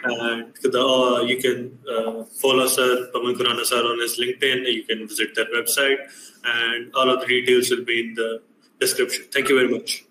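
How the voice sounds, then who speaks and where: A man's voice: medium pitch, level tone, normal speed, pushed and bright, poor audio. Young indian guy hosting an interview, polite and respectful, bit of noise behind him. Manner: polite, deferential. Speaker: podcast host.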